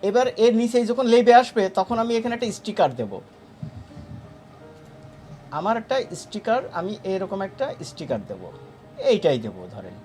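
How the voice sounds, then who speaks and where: A high-voiced man with a Bangladeshi Bengali accent, talking his class through each step in a relaxed, chatty way. Soft music plays underneath. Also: unhurried, pauses often. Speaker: animation course instructor. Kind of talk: live online class demonstration.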